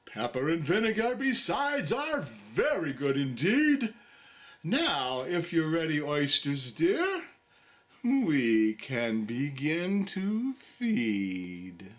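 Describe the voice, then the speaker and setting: A man voicing a pompous, sentimental and slyly greedy storybook walrus with grandiose, drawn-out oratory. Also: a little high, wildly swooping pitch, full character voice. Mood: grandly pompous.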